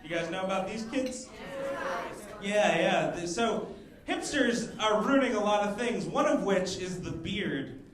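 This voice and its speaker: A young man doing a stand-up comedy set on a club stage, mixing crowd work and quick asides, speaking into a handheld mic. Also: high-pitched, lively intonation. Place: comedy club stage before a live audience. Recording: roomy live club sound with audience laughter.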